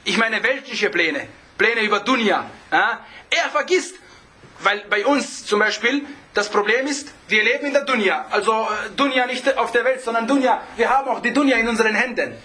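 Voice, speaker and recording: A man giving an informal religious talk, sprinkling in Arabic phrases, often checking in with a quick question and chuckling as he explains. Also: extremely high pitch, sharp tone. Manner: peppers speech with Arabic phrases and asks "ja?" often; chuckles while explaining, restarts words. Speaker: religious lecturer.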